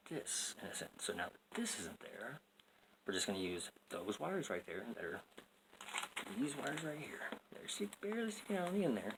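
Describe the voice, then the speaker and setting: A man's voice: lowish voice, creaky. A man casually explaining a DIY wiring fix, rambling and joking at himself, in a noisy home recording. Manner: rambling, self-mocking, jokey. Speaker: DIY video maker.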